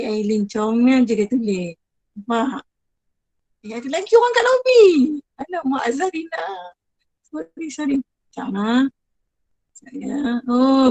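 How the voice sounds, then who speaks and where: A woman's voice: a little high, a little mellow, poor audio. Chatty Malaysian woman teacher on a call. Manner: chatty, apologetic, praising students one by one. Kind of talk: online class with students.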